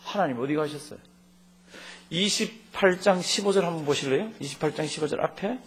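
A man preaching a sermon, reading Bible verses aloud and asking the congregation questions, swinging between loud and soft. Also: a little high, a little fast. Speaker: pastor.

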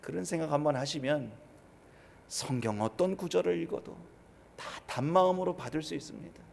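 Male pastor, fairly high voice, sermon delivery moving between loud and hushed, church reverb. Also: brisk, vocal fry, slight background noise. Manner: swings from loud exhortation to hushed tones.

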